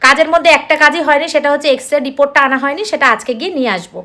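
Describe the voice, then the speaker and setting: A woman's voice: high voice, very fast, pushed and bright. A middle-aged woman from West Bengal with a Kolkata Bengali accent, chatting casually to her viewers in a home vlog from her kitchen, repeating herself often. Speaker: vlogger.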